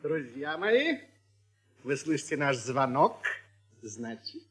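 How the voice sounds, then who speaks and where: A man's voice: mid-range voice, sing-song, slow pace, a bit bright, breathy edge, soft background music. A middle-aged man hosting a scripted children's radio comedy as a teacher, lecturing his pupils in a mock-stern, ironic way.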